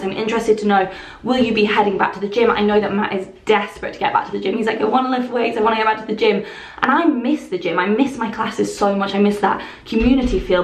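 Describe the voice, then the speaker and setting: A young woman in her twenties chatting enthusiastically to camera in a casual vlog. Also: mid-range voice. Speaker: lifestyle vlogger. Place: bedroom walk-in wardrobe, indoors. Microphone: camera on a stand, close. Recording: roomy echo.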